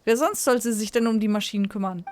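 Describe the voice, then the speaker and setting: A woman's voice: medium pitch, fairly quick, a little mellow, close to an everyday voice. A woman reading aloud the lines of a scattered male scholar obsessed with machine parts, in a near-plain voice. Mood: worried. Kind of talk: reading game dialogue aloud.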